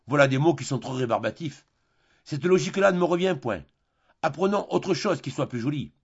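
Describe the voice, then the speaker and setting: A man's voice: a little high, expressive, a little fast, husky, muffled recording. A man voicing a naive, boastful middle-aged bourgeois who is hot-tempered and easily amazed, in an audiobook reading of a classic play. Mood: blustering.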